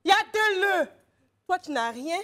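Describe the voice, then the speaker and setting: A woman doing loud boastful Suzy. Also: very high voice, lively intonation, moderate pace. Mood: shouting taunts. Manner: shouting, taunting. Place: TV studio.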